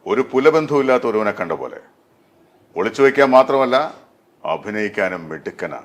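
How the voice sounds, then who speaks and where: A man's voice: lowish voice, sing-song. A man reciting a sneering film villain. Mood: menacing. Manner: loud, drawn-out menacing delivery.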